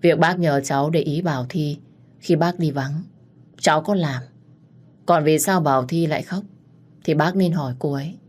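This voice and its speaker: A woman voicing a young man who has been accused, earnest and pleading, in a low voice. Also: normal speed, long pauses, a little mellow. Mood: calm protest.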